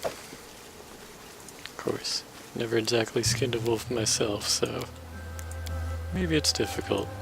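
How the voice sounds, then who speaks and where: Dry, gravelly game commentator man. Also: mid-range voice, takes it slowly, long pauses, low-quality recording. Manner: dry, wry asides. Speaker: let's play host. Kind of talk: casual gameplay commentary. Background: game music and sounds.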